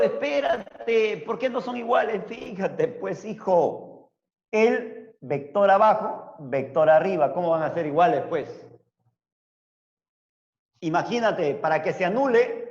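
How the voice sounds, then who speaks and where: A man teaching a physics class, explaining step by step and asking rhetorical tag questions. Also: a little high. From Peru. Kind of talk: lecturing an online class. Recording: roomy, reverberant, dull lo-fi sound.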